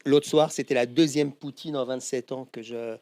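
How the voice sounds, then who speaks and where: A middle-aged man from France with a French accent, a podcast guest telling lively anecdotes in casual chat and swearing freely. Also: mid-range voice, moderate pace, no echo, clean studio sound. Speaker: guest, tattoo shop owner. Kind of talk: casual storytelling interview.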